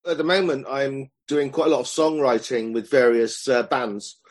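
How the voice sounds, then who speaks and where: A man's voice: medium pitch, steady tone, moderate pace. Chatty man in his fifties. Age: 50s. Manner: rambling, chatty, self-deprecating. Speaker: guest, club promoter and songwriter. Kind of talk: casual chat.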